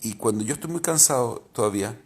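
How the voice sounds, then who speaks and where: A man's voice: mid-range voice, animated, fast, breathy edge. A man, a rabbi giving an informal spiritual talk, candid and reflective, often hesitating and restarting.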